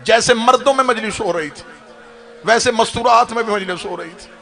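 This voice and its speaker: A man from Pakistan, a religious orator, delivering a mourning sermon at a live gathering in a tearful, lamenting voice that swells to loud cries. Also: high-pitched, normal speed, vocal fry.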